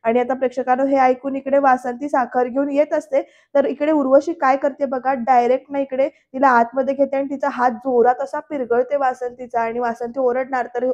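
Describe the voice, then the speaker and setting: A woman tells what happens in a TV serial episode, voicing each character's lines in turn. Her voice sits high and stays level, with little rise and fall. The recording is dull and lo-fi. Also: flat delivery, brisk, hardly any pauses, a little mellow. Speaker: serial recap narrator. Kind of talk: voice-over episode recap.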